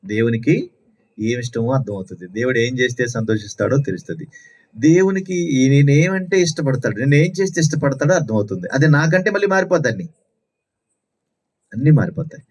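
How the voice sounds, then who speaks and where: Speaking in a brisk, expressive mid-range voice, a man preaches at a Sunday house meeting through stories and rhetorical questions, repeating himself often. The audio has a dull lo-fi quality.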